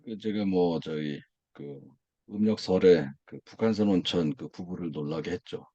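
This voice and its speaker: A man's voice: low-pitched, moderate pace, dark tone, no echo. A man taking a private online lesson, answering attentively with short conversational replies and questions. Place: online video call. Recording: dry but muffled call audio.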